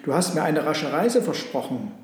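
A man's voice: on the high side, big pitch swings, normal speed, heavy reverb, big-room sound. A man voicing a greedy, impatient merchant who grumbles and barks orders in a storybook reading. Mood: irritated. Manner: grumbling, commanding.

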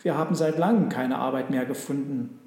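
A man's voice: medium pitch, brisk, darkish tone, lightly acted. A man voicing the eldest of three poor robbers, commanding and plotting, in a storybook reading. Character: scheming older male robber, leader of three. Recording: roomy echo.

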